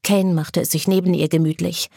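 A woman narrating a story with an even storytelling delivery. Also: lowish voice, fairly quick, creaky, breathy edge, dry recording, studio quality. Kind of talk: scripted narration.

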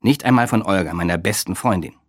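A man reading a first-person children's detective story aloud, in a lively, expressive way. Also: low-pitched, quick pace, dry recording, studio quality. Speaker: audiobook reader.

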